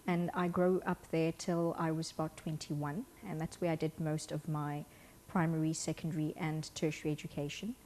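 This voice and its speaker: A woman from Kenya, a pediatric rheumatologist guest on a studio talk show, speaking in a friendly, steady way. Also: sits low, moderate pace, a little hiss or hum.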